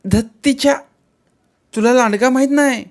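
A man's voice: extremely high pitch, moderate pace, pitched above the performer's own voice. A man voicing an eager, curious young boy asking coaxing questions in a read-aloud story.

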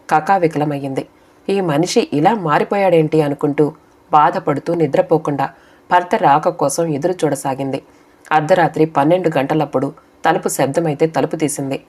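A woman narrating a scripted short story in a steady storytelling manner for an audiobook channel. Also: low-pitched.

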